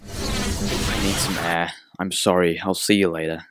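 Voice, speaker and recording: A woman's voice: rumbling low, huge pitch swings, unhurried, loud music behind the voice, full character voice. A woman voicing a teenage boy with superpowers who is bitter about losing his family. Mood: angry. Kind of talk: fan voice acting for an animated game movie.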